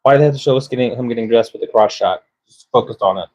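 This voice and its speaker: A man's voice: medium pitch, rapid-fire, a little mellow, no room sound, highs cut off. A man co-hosting a casual podcast chat, blunt and joking, swearing casually. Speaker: podcast co-host.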